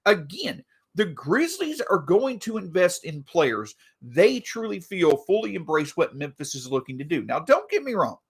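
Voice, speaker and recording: Animated male sports podcast host. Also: fairly high pitch, husky. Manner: animated, reads an ad mid-show. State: a bit stuffy from allergies. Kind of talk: solo sports podcast commentary.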